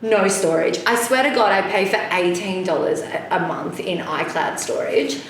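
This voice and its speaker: A woman's voice: fairly low pitch, normal speed. A woman co-hosting a casual chat podcast, telling stories with lots of giggles. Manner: giggly, animated storytelling. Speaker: podcast co-host. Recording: very echoey room, mic distant, faint hiss.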